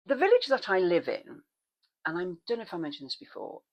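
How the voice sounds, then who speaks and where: A woman's voice: a little fast, highs cut off. Chatty woman with rambling asides. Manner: animated, with sudden pitch leaps when excited. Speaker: vlogger. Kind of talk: casual chat.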